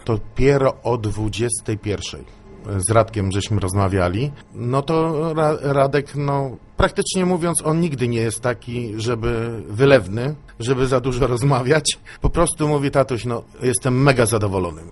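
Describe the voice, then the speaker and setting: A man's voice: medium pitch, moderate pace. A middle-aged man, a swimmer's father, telling family stories in a casual interview and repeating "he says" as he goes. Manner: rambling storyteller, repeats "mówi" often.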